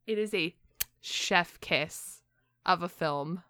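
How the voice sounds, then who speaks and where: A woman's voice: on the low side, slow pace, pushed and bright, dry recording, clean studio sound. A woman co-hosting a podcast, chatting casually and animatedly, with lots of laughter and fillers. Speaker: podcast co-host. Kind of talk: casual chat.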